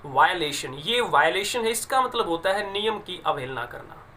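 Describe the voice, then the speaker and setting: A male teacher walks through a poem line by line, reading the English slowly and explaining it in Hindi. His voice is bright and forceful. A faint hiss of background noise sits under the recording. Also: high-pitched, animated. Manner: explains English lines in Hindi, stresses pronunciation; slow deliberate reading of English phrases. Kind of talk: classroom lesson explaining a poem.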